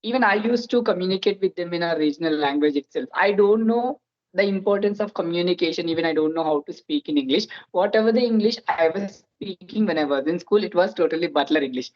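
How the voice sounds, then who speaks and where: A fast-talking twenty-something with a medium-pitched voice and lo-fi audio hosts a casual interview chat. A native Telugu speaker with a Telugu-influenced Indian accent, they talk earnestly and start many phrases with "so".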